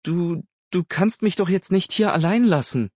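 A man raising his voice to play a teenage girl with a quick, snippy tongue who frightens easily. The voice sits well above a low, dark speaking voice, and the recording is a touch dull and dry. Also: lively intonation, no echo, close to an everyday voice. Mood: anxious.

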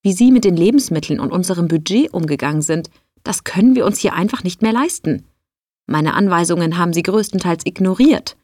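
A woman's voice: fairly low pitch, lively intonation, a little fast, a little mellow, no echo, studio quality. Woman reader as smug male chef boss, cold, clipped. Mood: dismissive. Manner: curt, dismissive.

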